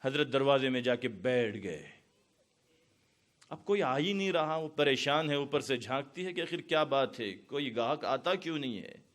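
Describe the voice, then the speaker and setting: A man's voice: mid-range voice, animated, a bit bright. A man from India preaching a storytelling sermon to a gathered audience, building to impassioned climaxes. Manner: dramatic, rising to impassioned climaxes.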